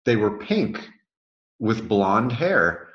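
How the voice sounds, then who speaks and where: A man casually chatting through a movie commentary, relaxed, explaining film trivia. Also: on the low side, drawn-out words, echoey room, dull audio. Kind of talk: casual movie watch-along chat.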